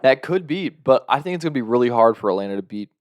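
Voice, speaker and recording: A young man co-hosting a podcast, chatting casually about basketball, excitable and swearing freely. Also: mid-range voice, fast talker, dry recording. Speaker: podcast co-host. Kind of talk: casual sports chat.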